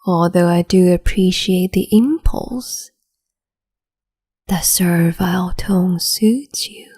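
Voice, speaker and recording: Close to the microphone, a woman breathes out a slow, lowish whisper as a fickle, cruel empress in ASMR roleplay. Her tone is soft and condescending, laced with sweet menace.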